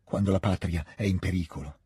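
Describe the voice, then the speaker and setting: A man voicing an excitable teenage boy who pleads in a high, strained voice. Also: brisk, slightly rough, no room sound. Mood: insistent.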